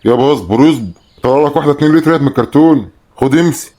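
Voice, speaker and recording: Man doing a bickering egyptian guy at a food stall, rapid-fire, a bit high. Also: warm tone, close to an everyday voice. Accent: Egyptian Arabic. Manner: quarrelsome, teasing. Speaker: actor in a web drama.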